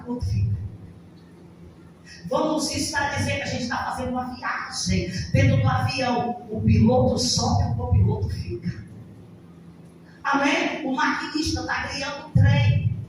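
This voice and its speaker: A Brazilian woman pastor preaches a fervent Pentecostal sermon in a high voice. She keeps calling out to the congregation. She is picked up from far off in a booming, echoey church hall, with steady noise underneath.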